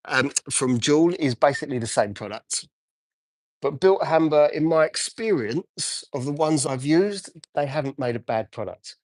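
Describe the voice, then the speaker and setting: A man's voice: mid-range voice, no room sound. Chatty man detailing a car live. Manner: chatty, answers viewer comments while washing a car. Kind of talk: casual live-stream chat while working.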